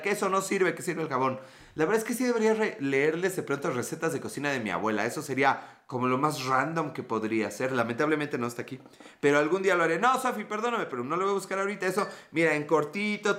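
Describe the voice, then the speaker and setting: A man's voice: on the high side, pushed and bright. A man with a Mexican accent, live streaming and chatting casually with viewers, greeting them and answering their comments in slangy, profane talk.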